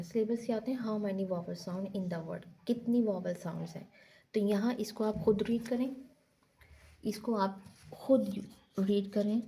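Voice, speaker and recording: Woman teacher, mellow, patient step-by-step explaining, repeats herself. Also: mid-range voice. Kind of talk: casual lesson walkthrough.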